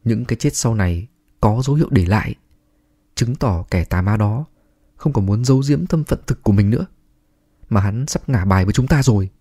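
A man voicing a sharp-witted, defiant young village woman in a horror storybook, speaking calmly and deliberately. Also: on the low side, husky. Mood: calm, pointed.

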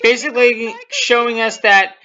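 Speaking at a moderate pace in a mid-range voice, this commentator talks off the cuff about a fan video they made, circling back to rephrase and repeat, with a bit of mild cursing. A faint hiss or hum sits in the dull, lo-fi recording, while music and a soft cartoon soundtrack play behind.

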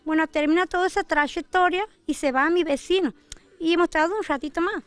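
A woman giving a halting, emotional news testimony at her home. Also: very high-pitched. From Argentina. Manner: halting, emotional retelling with restarts. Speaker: interviewee, assault victim.

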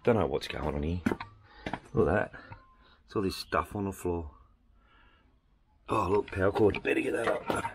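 A man's voice: sits low, animated, normal speed, vocal fry, long pauses. A middle-aged man chatting casually to the camera in short, offhand, laconic phrases. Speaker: motorbike vlogger. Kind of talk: casual off-the-cuff vlog chat. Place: outdoors, on and around a motorbike. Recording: loud engine, traffic and handling noise.

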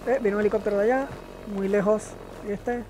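An excitable gamer talks to themself through a shooter match, breaking into frustrated cries whenever the game fails them. The voice sits in a middle pitch, and clear gunfire and game sounds run beneath it. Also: a little fast. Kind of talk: live gameplay commentary. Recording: gameplay noise mixed under voice.

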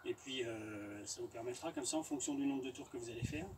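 A man's voice: mid-range voice, brisk. Middle-aged male coach, informal and a little hesitant, explaining exercises outdoors; off-mic, with noticeable noise. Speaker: fitness coach. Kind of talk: workout instruction, explaining and counting reps. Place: outdoor garden terrace. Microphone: distant camera. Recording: outdoors from far off, noisy.

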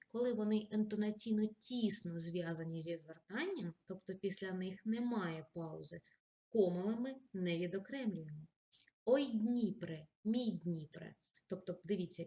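Lady teacher, lowish voice, explaining rules to the class then reading example lines real slow. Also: warm tone. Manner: direct, addresses pupils with polite requests. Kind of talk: recorded online grammar lesson.

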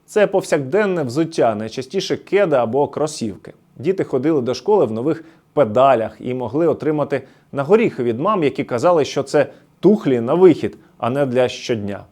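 A man narrates a scripted documentary feature in a nostalgic storytelling way, his pitch rising and falling with a lot of life. He goes through words one at a time, giving each one a short explanation, at a middling pitch. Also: lively intonation, brisk, darkish tone. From Luhansk region, Ukraine.

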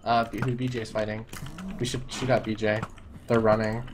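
A young man in casual gaming chat who gives short, quick callouts to his team. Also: fairly low pitch, level tone, background noise. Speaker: gamer.

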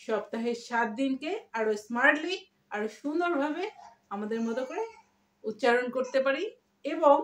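Lady teacher, high voice, repeats words over and over, roomy echo. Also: fairly bright tone. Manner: repeats each word slowly, rising sharply on model words. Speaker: English pronunciation teacher. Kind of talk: spoken language lesson.

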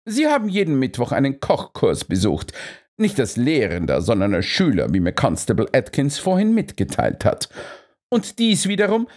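A man's voice: mid-range voice, wildly swooping pitch, normal speed, darkish tone, pitched above the performer's own voice. A man reading an audiobook, voicing a shrewd Victorian detective who speaks in a polite, coolly precise and ironic way. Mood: coolly accusing. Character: shrewd male Victorian detective, calm and cutting.

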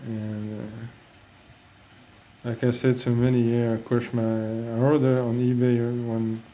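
A man's voice: mid-range voice, level tone, slow pace, dark tone, slight background noise, poor audio. A man with a French accent talking casually about his fish breeding, hesitant and full of fillers and restarts. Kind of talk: casual hobby vlog.

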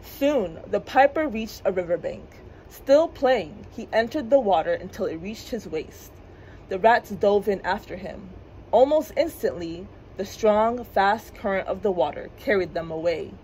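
Expressive woman reading a storybook. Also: medium pitch, a little slow, a little hiss or hum, low-quality recording. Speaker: librarian storyteller. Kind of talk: children's story time reading. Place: public library.

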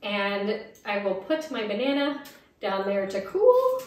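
A woman's voice: medium pitch, huge pitch swings, slow, a little hiss or hum. A woman hosting a home cooking show, chatting her way through each baking step with a giggle, recorded in a kitchen. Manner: chatty, explains steps, giggly. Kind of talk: casual cooking demo chat. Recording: very echoey room, mic far off.

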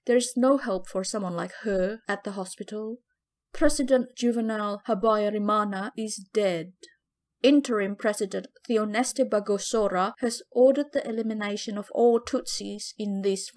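A woman voicing a hard male soldier in an audiobook, curt and cold. He gives orders in a flat, stern tone with a slightly lowered voice. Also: lightly acted.

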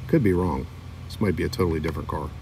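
A man's voice: a bass voice, fast, vocal fry. A middle-aged man casually showing toy cars from his collection, chatting and reading the card backs aloud. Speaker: diecast collector vlogger. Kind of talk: casual show-and-tell narration. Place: outdoor table by a lake on a windy day. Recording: distant mic with wind noise.

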